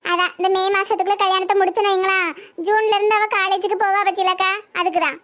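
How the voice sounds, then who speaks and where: A woman's voice: very high voice, steady tone, fast talker, fairly bright tone. A woman voicing a determined village mother who explains herself insistently, with a Tirunelveli Tamil accent, in a cartoon. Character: determined village mother marrying off her daughter.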